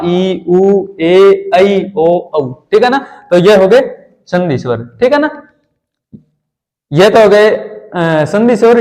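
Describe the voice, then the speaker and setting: Man, teacher, classroom lesson, high-pitched, sounds out vowels slowly, asks and answers his own questions. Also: darkish tone. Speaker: Hindi grammar teacher.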